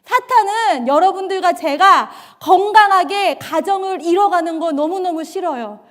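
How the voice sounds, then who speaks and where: A woman pastor from Korea preaching a bilingual sermon, impassioned and emphatic, with rhetorical questions. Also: extremely high pitch.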